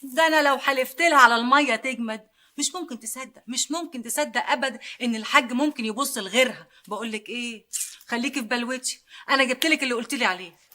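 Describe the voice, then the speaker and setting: An actress with an Egyptian Arabic accent playing a restless young woman who talks in a quick, mocking, impatient way in a TV drama. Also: a little high, sharp tone. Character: restless young woman seeking a love charm. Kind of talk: TV drama acting.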